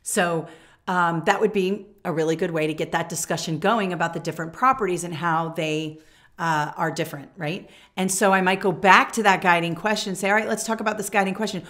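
An American woman in her forties, a teacher and teacher trainer, demonstrates a classroom lesson in a small furnished room, teaching conversationally and emphatically while often checking in with the listener. Her voice is lowish and a bit bright, with fairly even intonation and a slightly fast pace.

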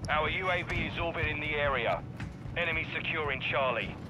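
An actor playing a commanding military announcer in a shooter game, giving clipped battle status callouts. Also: male voice, fairly high pitch, a little fast, background noise, natural voice. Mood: urgent, commanding. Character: commanding male military announcer calling objectives. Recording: very loud gunfire over the voice. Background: game gunfire and artillery.

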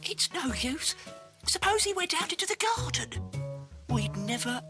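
A man's voice: very high-pitched, very animated, normal speed. A British man voicing a childlike, curious animal friend in a children's cartoon. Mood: puzzled, concerned. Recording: music behind the voice.

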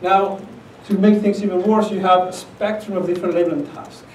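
A middle-aged conference speaker from Argentina talks fairly quickly in a high, slightly mellow voice with fairly even intonation. With an Argentine Spanish accent, he's emphatic and conversational, often asking "okay?". The distant recording, made in an echoey conference room with a projector screen, has a little hiss or hum.

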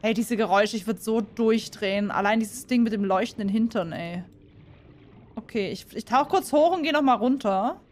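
A woman commentating a video game in casual, excitable chat and talking to her community. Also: a little high, normal speed, slight background noise. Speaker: gaming YouTuber. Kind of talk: casual let's play commentary. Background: game music.

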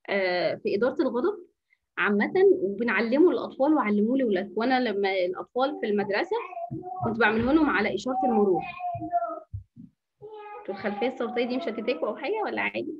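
A woman with an Egyptian Arabic accent runs an informal anger-management workshop as a teacher, talking at a quick clip. Her voice is a little husky and breathy and sits slightly high. She coaches through rhetorical questions and mixes in English phrases, and the audio is dull and lo-fi like an online session. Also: lively intonation. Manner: coaching, asks rhetorical questions and answers them.

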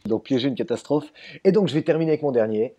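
Husky-voiced man rambling about films. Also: medium pitch, quick pace, dark tone, muffled recording. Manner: rambling, joking, many restarts. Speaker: podcast co-host. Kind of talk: casual film-review chat.

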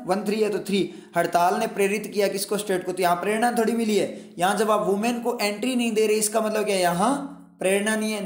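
A man with a high voice leads an English exam lesson in Hindi mixed with English. He works through each option step by step and keeps asking his students rhetorical questions. The sound has the hollow echo of a bare room. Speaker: English teacher.

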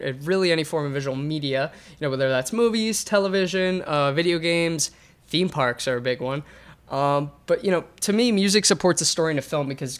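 A man's voice: on the high side, fairly bright tone. A young man talking casually and explanatorily to camera, hesitant and thoughtful, in a living room. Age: young adult. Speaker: composer, presenter. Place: bright living room with grand piano.

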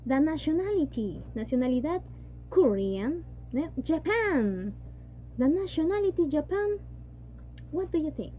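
High-voiced woman teaching online. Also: sing-song, slow, dark tone. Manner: mixes Spanish and English, repeats "yes" and "¿no?". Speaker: English teacher. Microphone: video call. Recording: dull lo-fi online call audio with faint hum.

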